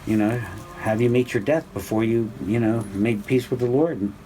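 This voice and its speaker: A man in his sixties giving an informal spiritual class, rambling and conversational with many fillers and restarts, climbing to a high, animated pitch when excited. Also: normal speed, a little hiss or hum, poor audio. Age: 60s. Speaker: spiritual teacher. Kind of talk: informal religious class talk.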